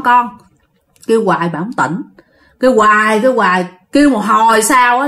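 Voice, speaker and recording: In a chatty, informal ghost story, a woman addresses her audience head-on. Her voice sits on the higher side and has a fairly bright quality.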